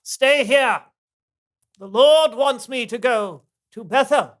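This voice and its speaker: A woman playing the prophet Elijah, speaking in a formal, earnest way in a puppet skit. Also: fairly high pitch. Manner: formal, earnest, slow proclamations.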